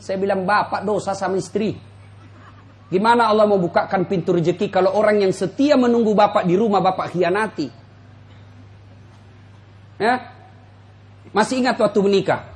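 A man preaching a humorous sermon to a live audience, addressing them directly and acting out quotes with big jumps in pitch. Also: normal speed, long pauses. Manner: jokes, addresses listeners directly. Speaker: Islamic preacher.

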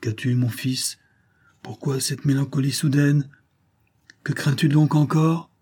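A man's voice: mid-range voice, steady tone, a little slow, darkish tone, husky, voice pushed up. A man voicing the Countess de Trémeuse, an aging mother who speaks tenderly and solemnly to her son, in an audiobook reading. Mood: concerned.

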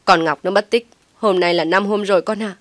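A woman's voice: medium pitch, fairly even intonation, fairly quick, dry recording, lightly acted. A woman voicing a distraught old mother. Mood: distraught pleading. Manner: wailing, pleading, loud. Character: distraught elderly mother, desperate and tearful.

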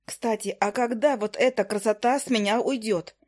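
A woman narrating a first-person fantasy audiobook, voicing an indignant heroine in a lively way. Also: fairly high pitch, normal speed.

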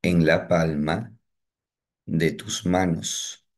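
Calm, repetitive breathing cues come from a low-voiced man leading a morning meditation, and he leaves long pauses between them.

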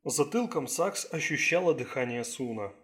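A man reading an audiobook in a steady, even scripted narration. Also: medium pitch, normal speed.

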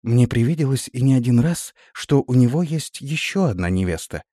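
A soft-spoken, naive young woman, put on by a male reader, confiding in a meek, gentle tone. Her lines come in a dry, close storybook reading. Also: mid-range voice, lively intonation, moderate pace, dry recording, voice pushed up, natural voice.

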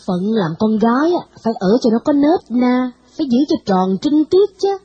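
A stern older matron scolds with a harsh, lecturing bite, as a woman reader puts her on. Her voice is pitched high and swings widely, with a soft, very breathy edge. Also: big pitch swings, normal speed, lo-fi sound. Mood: scolding.

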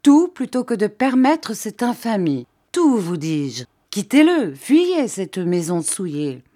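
A woman's voice: on the low side, unhurried, warm tone, natural voice. Stern wrathful village priest, read by a woman. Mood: furious. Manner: fiery, scolding, preachy. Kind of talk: audiobook character reading.

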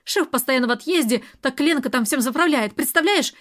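A woman's voice: sits high, lively intonation, brisk, fairly bright tone. Woman reading as a sullen, hurt young woman. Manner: sullen, aggrieved. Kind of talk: audiobook character reading.

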